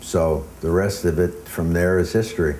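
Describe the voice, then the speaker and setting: Speaking at a moderate pace in a low, steady, darkish voice, a man being interviewed rambles through long anecdotes full of ums and hesitations. The casual storytelling has slight background noise.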